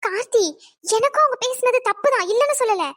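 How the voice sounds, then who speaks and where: A woman playing a quick high-voiced cartoon bride. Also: fairly bright tone, no echo, studio quality. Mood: firm. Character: young bride, anxious but firm. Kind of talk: cartoon drama voice acting.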